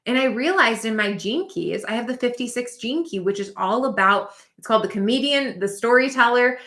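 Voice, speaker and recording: A woman in her thirties, a business coach, teaching in a casual, animated way with lots of asides to the listener. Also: fairly high pitch, roomy sound. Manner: animated and chatty, lots of "like" and "you know what I mean".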